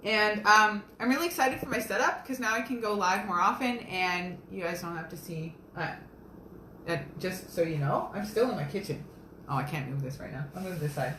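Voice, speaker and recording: A woman's voice: medium pitch, moderate pace, echoey room, background noise. A young woman, a self-published romance author, chatting casually and earnestly on a live video from her kitchen. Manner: chatty, rambling, earnest and upbeat. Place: home kitchen.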